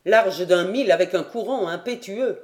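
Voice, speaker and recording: An audiobook reader voicing a male quartermaster guide who speaks in a firm, calm and assured way. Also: medium pitch, normal speed, lightly acted. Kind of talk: audiobook character voice.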